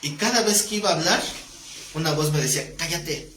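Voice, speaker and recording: A man's voice: fairly high pitch, fast, a little hiss or hum. A man teaching a Bible class, telling an anecdote and acting out the dialogue. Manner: animated storyteller who acts out dialogue. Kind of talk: anecdotal live class talk. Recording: echoey room.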